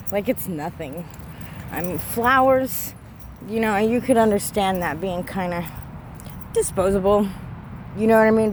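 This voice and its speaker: A woman's voice: medium pitch, a little hiss or hum. Profane ranting woman outdoors. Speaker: vlogger. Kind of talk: casual walking vlog. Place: outdoors in a cemetery.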